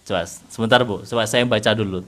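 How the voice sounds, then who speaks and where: A man's voice: fairly low pitch, fairly even intonation, a little fast, a bit bright. A man with an Indonesian accent teaching Quran recitation in an interactive online lesson, correcting a student patiently and asking leading questions.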